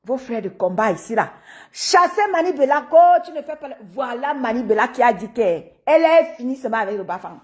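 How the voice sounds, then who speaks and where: A woman with a Cameroonian French accent hosts a casual live stream in a high, bright-pitched voice. She talks in an animated, teasing way, laughing often and calling out to her viewers by name. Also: a little fast.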